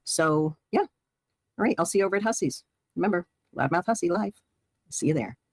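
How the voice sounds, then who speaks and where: A middle-aged woman with a low voice, signing off her livestream with loose, rambling chatter aimed at the chat. The sound is dry and close. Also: animated, fairly quick, breathy edge, no room sound. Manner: rambling, talks straight to chat with many fillers. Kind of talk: casual stream sign-off.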